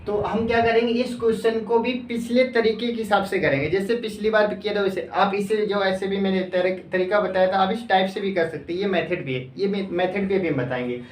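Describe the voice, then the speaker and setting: A coaching-class teacher giving an exam-prep math lesson, asking questions and answering them, repeating phrases slowly as if dictating. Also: medium pitch, distant mic, a little hiss or hum. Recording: echoey room, voice off-mic.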